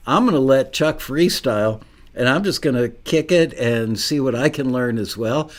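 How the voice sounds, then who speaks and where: A man's voice: medium pitch, normal speed. A middle-aged American man casually hosting a live online show, unscripted and chatty, rambling into asides.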